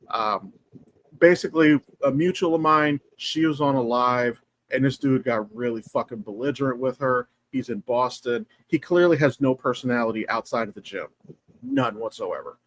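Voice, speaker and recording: A man co-hosting a casual podcast, talking in an animated, profane way that jumps up in pitch when he gets excited. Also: normal speed. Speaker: podcast co-host.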